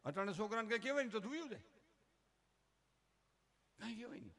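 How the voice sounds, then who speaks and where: A middle-aged man with a Kathiawadi Gujarati accent speaks in a high, sing-song voice with a fairly bright tone, going a little fast. He gives a humorous folk talk at a religious gathering, rustic and joking, imitating villagers before turning earnest.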